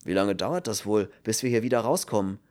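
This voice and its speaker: A man's voice: lowish voice, brisk, a little mellow, lightly acted. A man voicing a fretful, luckless male refugee who frets and complains. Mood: worried. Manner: anxious, complaining. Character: fretful luckless male refugee, middle-aged, easily upset.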